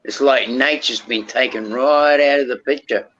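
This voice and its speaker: A man's voice: medium pitch, moderate pace, fairly bright tone, a little hiss or hum. A man in a casual livestream chat who speaks hesitantly and swears offhandedly, on a dull lo-fi line.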